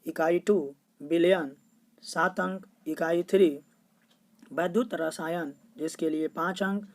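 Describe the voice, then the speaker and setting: A woman teacher reading out a school syllabus as a steady, itemized list. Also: lowish voice, slow.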